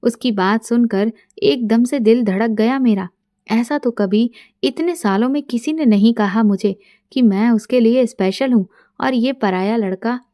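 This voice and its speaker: A middle-aged woman narrating a first-person story in a soft, intimate way, quoting dialogue plainly. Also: on the high side, unhurried, no room sound, clean studio sound.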